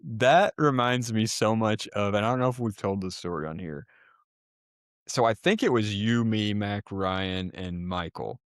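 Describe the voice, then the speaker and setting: A man's voice: fairly low pitch, measured pace, clear, resonant tone, no echo, clean studio sound. A man in his thirties co-hosting a podcast, easygoing and laughing often as he tells stories. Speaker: podcast co-host. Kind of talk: casual chat.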